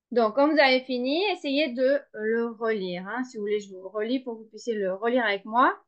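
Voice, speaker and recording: A woman teacher reads a dictation at a very slow, deliberate pace, pausing to spell words and explain grammar. Her voice sits fairly high, and the recording sounds somewhat dull and lo-fi. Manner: slow, careful, spells and explains each word. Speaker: French teacher.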